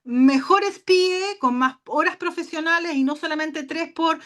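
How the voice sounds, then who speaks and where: A tired woman giving a passionate, emphatic webinar talk over a video call, her voice turning shrill. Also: a little slow, a bit bright. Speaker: guest speaker.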